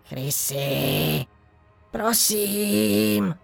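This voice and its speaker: A man voicing an inhuman creature that mimics a human voice, eerie, unnatural and gravelly, in a spoken horror story. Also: high-pitched, soft background music, voice pushed up, exaggerated voice. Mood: eerie pleading.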